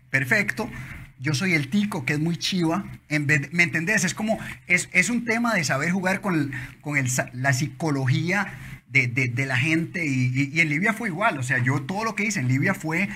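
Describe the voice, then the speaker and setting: A man in his forties from Costa Rica with a Costa Rican accent, a guest telling his story in a casual interview with impulsive, animated storytelling and frequent restarts, in an office lounge. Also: a little high, normal speed, slightly rough. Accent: Costa Rican Spanish. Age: 40s. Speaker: guest entrepreneur. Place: office lounge studio, indoors.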